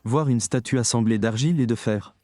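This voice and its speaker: A man's voice: mid-range voice, fairly quick, mellow, dry recording. A man preaching a sermon, talking emphatically and straight to his audience. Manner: emphatic, addresses the audience directly.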